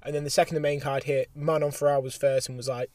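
A man's voice: mid-range voice, flat delivery, fast, a little mellow, no room sound, far from the mic. A British man hosting a casual, slangy sports podcast, recorded out in a car park. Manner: informal, slangy. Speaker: podcast host.

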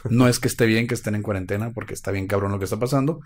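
Co-hosting a live stream for a podcast, a man narrates a true-crime case with a slightly dramatic flair and wry, jokey asides. His voice is fairly low and a little mellow, and he talks very fast.

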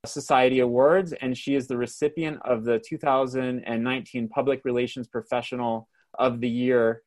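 A man in the host's seat of an online panel, reading introductions and questions in an even, measured, announcer-like voice. His pitch sits in an ordinary middle range, and he sounds like he is on a video call. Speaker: host and moderator. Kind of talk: scripted introductions and interview questions.

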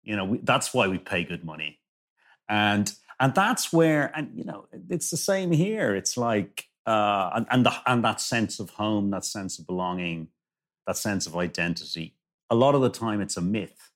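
Male discussion guest, lowish voice, emphatic delivery with repeated phrases and halting restarts. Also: lively intonation, a bit bright. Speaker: guest author. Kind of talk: conversational discussion.

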